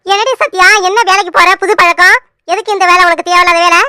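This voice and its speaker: A woman's voice: very high-pitched, steady tone, fast, sharp tone, no echo. A woman voicing a strict elder sister who lectures her younger sibling in a cartoon serial. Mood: reproachful. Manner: reproachful, lecturing.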